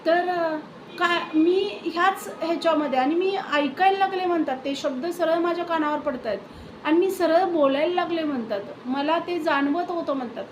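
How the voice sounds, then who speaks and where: A woman casually retelling a devotee's spiritual experience, with hesitant pauses and fillers. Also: very high-pitched. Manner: hesitant, many fillers and restarts. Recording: roomy echo with faint background hiss.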